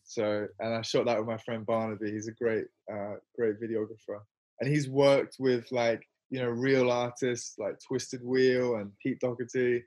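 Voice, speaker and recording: Laughing frequently, a young man who makes music and films rambles through a casual interview, joking at his own expense. He speaks at a moderate pace in a flat, mid-range voice that's a little mellow.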